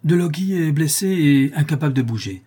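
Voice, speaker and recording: A man voicing an angry, commanding deputy mayor under forty who speaks forcefully and indignantly. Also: mid-range voice, fairly quick, slightly rough, pitched above the performer's own voice, lightly acted. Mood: indignant, loud.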